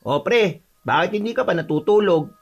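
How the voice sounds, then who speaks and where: A man's voice: sits high, lively intonation, brisk, breathy edge, dull audio, faint music behind, full character voice. A man voicing a jumpy young city guy. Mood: calm. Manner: nervous, whiny and fearful. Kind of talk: audio horror story dialogue.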